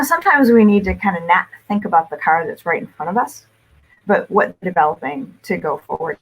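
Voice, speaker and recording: A woman's voice: on the low side, rough recording. A woman speaking as a forecaster on a panel over a video call whose audio breaks up, thinking aloud with frequent restarts. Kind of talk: casual panel discussion. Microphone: video call from home setup.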